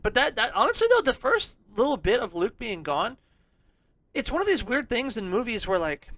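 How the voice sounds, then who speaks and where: An excitable podcast co-host rambles through a casual chat, swearing freely. The voice sits at a middle pitch and comes across close and dry, with no room sound around it. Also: normal speed, dry recording.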